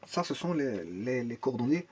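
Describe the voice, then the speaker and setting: A man's voice: medium pitch, sing-song, normal speed, darkish tone, a little hiss or hum. Man teaching a step-by-step lesson. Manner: thinks aloud, repeats words and restarts often; asks and answers his own questions. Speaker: math and physics teacher.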